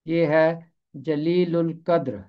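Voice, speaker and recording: A man teaching Urdu pronunciation, repeating each word slowly and carefully and explaining what it means. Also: fairly high pitch, fairly even intonation, smooth. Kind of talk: slow deliberate Urdu pronunciation lesson. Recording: dull lo-fi recording.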